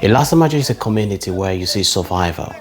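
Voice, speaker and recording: A Nigerian man in his forties speaks in a very low voice, looking back fondly on where he grew up and reeling off names and shout-outs. Faint music plays behind him in this personal vlog. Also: expressive, fast talker. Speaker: vlogger.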